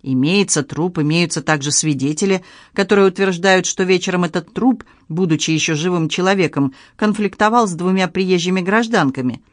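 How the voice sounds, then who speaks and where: An audiobook narrator reading a novel in a calm, measured way. The delivery is steady and clear. The recording is dry and close, with no room sound. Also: medium pitch, no room sound. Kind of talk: scripted narration.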